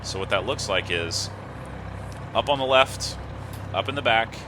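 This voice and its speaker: The host of a flight simulator video series walks through the steps methodically, reading checklist items aloud as instruction. His voice is on the low side and animated, a little slow, with background noise present.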